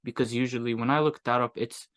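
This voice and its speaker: A man's voice: mid-range voice, fairly even intonation, fast talker, a bit bright. A young man with a Moroccan accent, telling his own story candidly in an interview in a reflective, casual way. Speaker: guest, agency owner.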